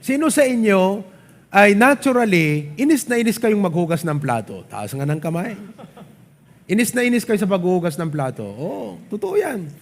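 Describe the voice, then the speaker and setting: A man with a Filipino accent preaching a sermon at church, animated, often asking the congregation to agree and mixing English into his talk. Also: high-pitched, moderate pace. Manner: animated, asks the crowd "di ba?" often; mixes English and local speech, light laughs. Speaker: pastor. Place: church service.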